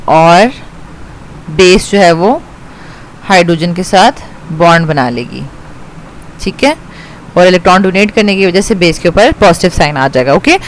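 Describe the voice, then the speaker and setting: A woman's voice: medium pitch, a little hiss or hum, low-quality recording. A woman chemistry teacher with a Pakistani accent, patiently explaining a reaction step by step and often checking in with her students. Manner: patient, repeats "ठीक है" to check understanding, mixes in English.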